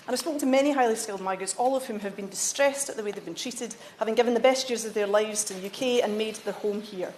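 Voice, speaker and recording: Fast-talking woman making an earnest parliamentary speech. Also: mid-range voice, a little mellow, reverberant, a little hiss or hum. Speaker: member of parliament leading a debate. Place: debating chamber.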